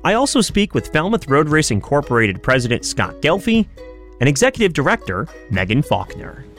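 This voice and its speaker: A male radio host reading a smooth introduction and asking conversational questions. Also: on the high side, sing-song, fairly quick, fairly bright tone, soft background music. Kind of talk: scripted intro then interview questions.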